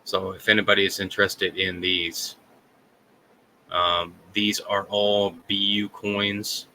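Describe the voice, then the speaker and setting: Male live-sale host, low and monotone, hesitant delivery, light background noise. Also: low-quality recording. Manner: halting, many ums and uhs. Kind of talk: live product selling.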